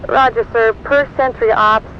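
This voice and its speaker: A man's voice: extremely high pitch, fairly even intonation, moderate pace. A man voicing a squadron operations radio operator, making clipped, procedural calls over a military radio link. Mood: businesslike. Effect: military radio transmission. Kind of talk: formal radio call procedure. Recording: lo-fi radio band with faint hiss.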